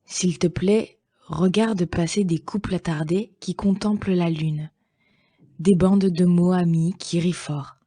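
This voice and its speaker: A woman reading a children's story aloud slowly and gently, with clear pacing. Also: on the low side, fairly even intonation, no echo.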